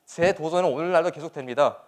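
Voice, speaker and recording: A man's voice: a little high, fast talker. A young man, a soldier, giving a motivational speech to an audience in an earnest, emphatic manner with rhetorical questions. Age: young adult.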